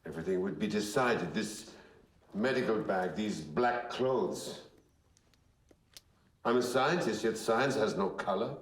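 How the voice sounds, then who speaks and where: An actor playing a troubled middle-aged Viennese doctor in a film drama. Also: male voice, lowish voice, measured pace, long pauses, roomy sound, natural voice. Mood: brooding.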